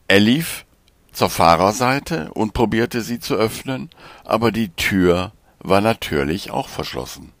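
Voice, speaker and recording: A man narrating a story in a calm, even audiobook reading. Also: on the low side, dry recording. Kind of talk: scripted narration.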